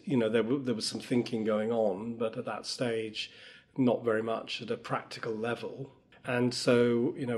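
A man's voice: mid-range voice, a little mellow. A middle-aged man from Wales, a former politician answering interview questions thoughtfully, with frequent fillers. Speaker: guest, professor and former politician.

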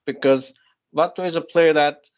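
Guy on a football podcast, laid back and chatty, jumps in a lot, muffled lo-fi sound. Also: a little high. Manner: relaxed and chatty, cuts in with quick remarks. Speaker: podcast co-host. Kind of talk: casual football podcast chat. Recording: dull lo-fi audio.

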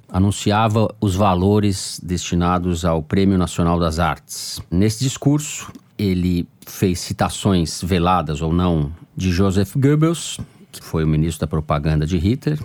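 A man hosting a political discussion podcast, recapping events and posing questions to the panel in a measured way. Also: sits low, a little mellow, no room sound. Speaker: podcast host. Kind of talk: political talk show moderation.

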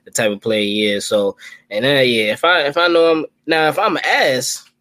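A man in his twenties co-hosting a podcast, talking in a slangy, animated way with lots of "yo" and "you know what I'm saying". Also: medium pitch, normal speed, dry recording. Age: 20s. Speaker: podcast co-host. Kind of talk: casual chat.

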